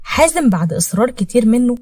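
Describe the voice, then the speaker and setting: An Egyptian woman narrates a dramatic story with brisk delivery. Her voice sits somewhat high and moves at a rapid clip. The recording is dry and close. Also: very animated, a little mellow, husky, dry recording.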